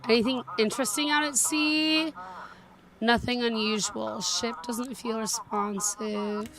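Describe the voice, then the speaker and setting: A woman's voice: on the high side, fairly even intonation, unhurried, poor audio. A woman giving casual, playful let's-play commentary, reacting aloud and reading out game dialogue. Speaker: game streamer.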